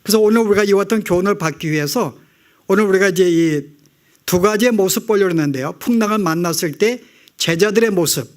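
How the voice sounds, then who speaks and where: A male pastor preaching a sermon to his congregation, asking rhetorical questions and acting out the prayers of worried believers. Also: high-pitched.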